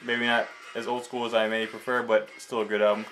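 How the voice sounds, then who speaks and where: In an amateur vlog, a young host shows his collection with casual, excited chatter, slangy and prone to swearing. His fairly low voice moves little in pitch and runs fairly quick, with background noise present.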